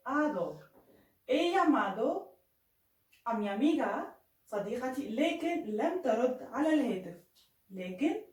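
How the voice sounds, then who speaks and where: A woman teaching Spanish in an online lesson, saying Spanish phrases slowly and clearly between quicker explanations. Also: a little high, darkish tone, reverberant, recorded from a distance, low-quality recording.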